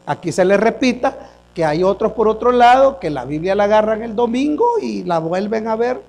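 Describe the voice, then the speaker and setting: High-voiced man preaching a sermon. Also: expressive, moderate pace, gravelly, a little mellow. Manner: questions the congregation, often says hermanos. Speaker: pastor. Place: church service. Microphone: microphone.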